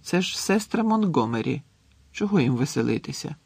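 An eager, lecturing schoolgirl, as a male audiobook reader puts her on. The voice climbs noticeably higher than his own yet keeps a gravelly, husky grain. The recording is dry and close. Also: big pitch swings, moderate pace, a little mellow, no room sound, exaggerated voice. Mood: explaining. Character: clever bossy schoolgirl, quick and earnest. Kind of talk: audiobook character reading.

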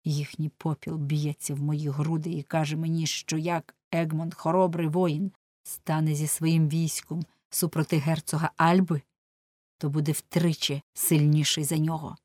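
A woman's voice: sits low, level tone, normal speed, darkish tone, dry recording, clean studio sound. A woman reading aloud, voicing a bold young male jester who delivers urgent, mocking prophecies of doom, in a storybook reading. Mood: urging. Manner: pleading, urgent, mocking warnings.

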